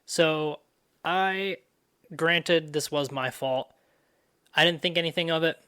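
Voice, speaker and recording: A man's voice: on the high side, takes it slowly, sharp tone, clean tone. A young man hosting a podcast, telling a story in a loose, profane, casual way full of fillers. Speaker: podcast host.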